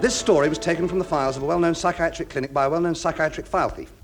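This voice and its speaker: A man's voice: fairly high pitch, rapid-fire, loud music behind the voice. A man performing scripted banter in a radio comedy show. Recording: very noisy recording, loud audience.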